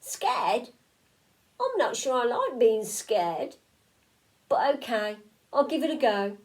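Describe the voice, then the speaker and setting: A woman's voice: sing-song, slow pace, far from the mic. A woman doing a timid sneezy little fish. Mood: nervous. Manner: high, anxious, breathless before a sneeze. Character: timid young male fish with constant sneezes.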